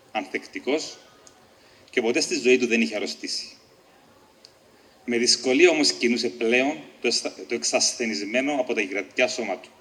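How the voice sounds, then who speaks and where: A man of middle pitch reads his own short story aloud at a book launch. His delivery is measured and deliberate, and he now and then trips over a word and starts it again. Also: fairly bright tone. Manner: measured, deliberate reading with occasional slips and restarts.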